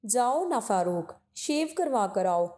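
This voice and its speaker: A woman's voice: fairly high pitch, big pitch swings, mellow. A woman voicing a fashionable, headstrong young wife in a spoken story, in a pouting, insistent way.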